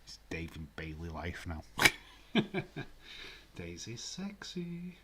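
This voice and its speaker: Very noisy audio carries a deep voice that swings hugely in pitch while moving slowly. The speaker is a Yorkshire man with that accent hosting a live stream, teasing his chat in a casual way, laughing often and at times dropping to almost a whisper.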